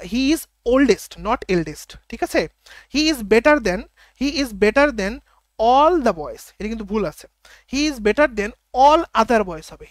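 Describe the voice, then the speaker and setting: A woman tutor with a Bangladeshi accent runs an online exam-prep class, checking answers and putting questions back to her students. Her voice sits fairly high, and it is recorded close and dry with no room sound. She slows right down to read each English sentence aloud. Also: no room sound. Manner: quizzing students, reading English sentences slowly. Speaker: teacher.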